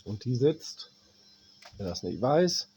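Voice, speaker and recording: Slow and blunt, a German appliance repairman with a cold and a cough explains a repair as he does it. His medium-pitched, dark voice has a sing-song lilt, and there is a little hiss or hum. He swears at cheap gear, pausing mid-task and mumbling to himself as he checks parts.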